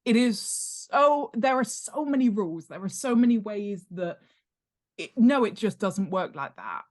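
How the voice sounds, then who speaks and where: Her mid-range voice stays unhurried as this woman, a podcast guest who's an author and world-building expert, explains ideas in a casual instructional interview. She's informal, animated, and emphatic, stressing points by repeating them, asking rhetorical questions, and acting out examples.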